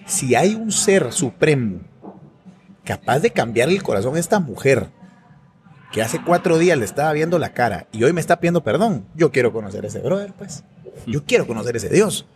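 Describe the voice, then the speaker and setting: A man's voice: medium pitch, big pitch swings, moderate pace. A man with a Guatemalan accent, a university professor, telling a personal story in casual conversation, slangy and laughing often. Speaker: podcast guest, university professor.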